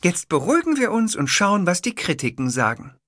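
A man doing a female producer with a soothing, softly commanding voice, raised higher than his own. Bright and lively in melody, recorded dry for an audiobook. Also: brisk, no room sound, heavily acted. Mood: firm. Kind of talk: audiobook reading.

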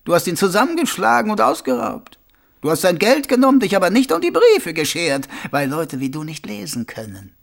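A man's voice: sits high, wildly swooping pitch, brisk, vocal fry, pitched above the performer's own voice, heavily acted. A man doing a cold, weary old captain. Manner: cool, clipped, then cutting. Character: tired old male captain, cold and triumphant.

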